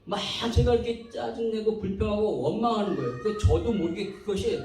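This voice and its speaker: A man preaching a sermon as pastor, animated, acting out people's complaints in quoted voices. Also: sits high, a little fast, echoey room, distant mic, soft background music, poor audio.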